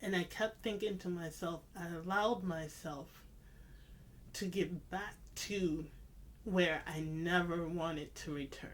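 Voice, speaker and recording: A vlogger telling a personal story in a reflective, confessional way, with deliberate, halting phrasing and emphatic repetition. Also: mid-range voice, fairly even intonation, a bit bright, slight background noise.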